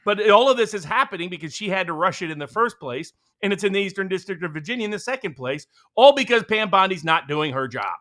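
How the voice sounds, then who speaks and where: A man's voice: high-pitched, animated, fast, few pauses, sharp tone. A man co-hosting a political commentary show, talking emphatically and sarcastically. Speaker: co-host.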